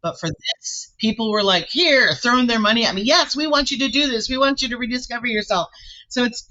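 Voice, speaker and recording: A woman vocal artist with a deep, soulful voice tells her story in an interview, casual and lively, acting out the voices of what people said. The recording sounds muffled.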